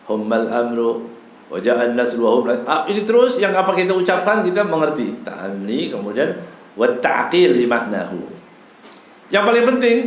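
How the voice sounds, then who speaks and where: Man teaching in an echoey mosque. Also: medium pitch. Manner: casual teaching sprinkled with Arabic phrases; acts out quoted voices with humor. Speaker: religious teacher. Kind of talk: evening mosque lecture. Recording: echoey hall, faint background noise.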